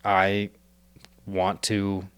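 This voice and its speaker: A young startup co-founder appears as a podcast guest, talking earnestly in casual, reflective interview talk. His low, smooth, fairly bright voice is monotone and extremely slow, a little worn as he loses it, and he rambles with many fillers and restarts.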